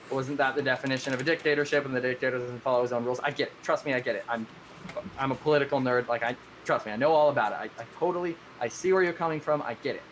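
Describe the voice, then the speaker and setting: A man's voice: fairly high pitch, a bit bright. Earnest rambling man, faint hiss. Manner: earnest, rambling, self-correcting with many restarts. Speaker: game server owner. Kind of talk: live-streamed discussion.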